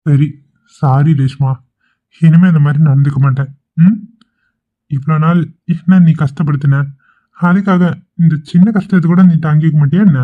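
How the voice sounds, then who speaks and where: A man's voice: fairly high pitch, steady tone, normal speed, lightly acted. A man voicing a confident, protective young husband in a cartoon. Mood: reassuring. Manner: bossy, confident. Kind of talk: cartoon voice acting. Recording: tinny phone-like sound.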